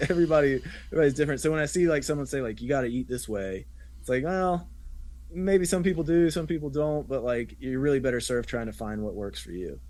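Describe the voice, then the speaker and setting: A man's voice: a little high, fast, a little mellow, no room sound. A man who is a business coach, guesting on a podcast and chatting animatedly, mimicking others when he quotes them. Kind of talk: casual conversational interview.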